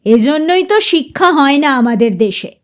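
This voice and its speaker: A woman voicing a fourteen-year-old boy who lectures gravely, know-it-all, with a cracking, thick voice. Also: high-pitched, expressive, normal speed. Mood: lecturing.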